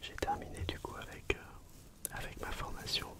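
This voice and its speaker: An ASMR host chatting casually in a breathy, unvoiced whisper, slowly repeating words and phrases. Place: at home, sitting on the floor.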